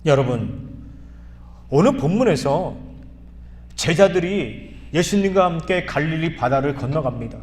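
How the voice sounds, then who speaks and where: A man preaching a sermon as pastor, earnest and repeating phrases for emphasis, often rising to loud pleading. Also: fairly high pitch, lively intonation, unhurried, long pauses. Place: church sanctuary. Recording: hall reverb.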